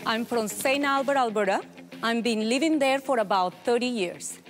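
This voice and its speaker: Woman, Colombian accent, upbeat pitch, fairly high voice, soft music behind. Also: moderate pace. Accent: Colombian Spanish. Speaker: entrepreneur pitching to investors. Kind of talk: business pitch on a TV show. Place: large studio set.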